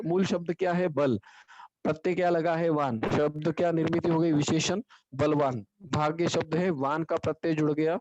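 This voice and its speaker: A man's voice: a little high, darkish tone, no echo. A male teacher giving an online grammar lesson, explaining step by step and asking and answering his own questions. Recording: dull lo-fi online class audio.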